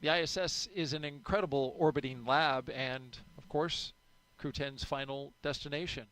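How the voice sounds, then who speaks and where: A man's voice: on the high side, steady tone, normal speed, a bit bright. A man giving upbeat, chatty live commentary as a launch broadcast host.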